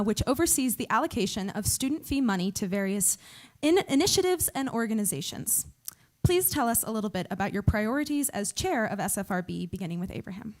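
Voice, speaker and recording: A young woman moderating a student debate in a brisk, businesslike way. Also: on the high side.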